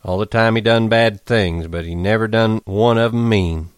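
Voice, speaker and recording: A man's voice: fairly low pitch, moderate pace, smooth, no echo, clean studio sound, natural voice. A man voicing a resigned, stern ranch worker with plain, rustic American speech, in an audiobook. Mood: firm, sad.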